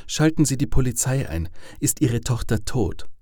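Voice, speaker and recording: A man voicing a cold male caller who threatens in a calm, measured way. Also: mid-range voice, no room sound, studio quality, natural voice. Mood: threatening.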